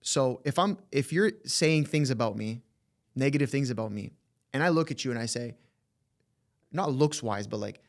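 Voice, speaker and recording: A young man with a slight lisp speaks in a mid-range voice, lively and blunt, swearing freely as he tells his story. He slips into quick voices when quoting people. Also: medium pitch. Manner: animated, profane, quick to act out quotes. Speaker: podcast guest, agency co-founder. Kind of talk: casual interview talk.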